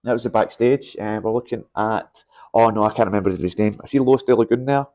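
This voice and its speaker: Scottish man hosting, halting delivery. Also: lowish voice, warm tone. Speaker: podcast host, show promoter. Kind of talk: casual chat.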